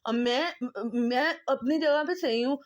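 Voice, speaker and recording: This high-pitched woman speaks at a measured pace over lo-fi sound. She's a vlogger from Pakistan giving an emotional, pleading monologue on the verge of tears, stressing her points through repetition.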